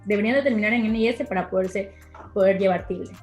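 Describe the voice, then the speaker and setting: A woman's voice: mid-range voice, fast talker, a little mellow. A young woman giving a class presentation, hesitant, with many fillers. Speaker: student presenter. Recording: echoey room with faint music.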